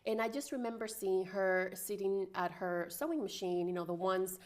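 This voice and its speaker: A woman's voice: mid-range voice, moderate pace. A woman in her forties from the Dominican Republic, a guest on a talk show, speaking in a reflective, conversational way. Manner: warm, reflective, with fillers and restarts. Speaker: guest fashion designer. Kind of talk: conversational interview.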